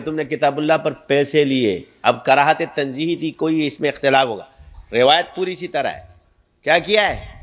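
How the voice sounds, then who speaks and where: A man's voice: on the high side, a bit bright. A man preaching a sermon, scolding and emphatic, who keeps asking rhetorical questions and answering them himself.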